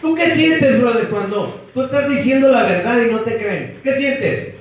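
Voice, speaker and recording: A man's voice: extremely high pitch, unhurried, recorded from a distance, slight background noise. A man with a Mexican Spanish accent teaching a Bible class in a fervent, repetitive preaching style, heavy on slang. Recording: echoey room, voice from afar.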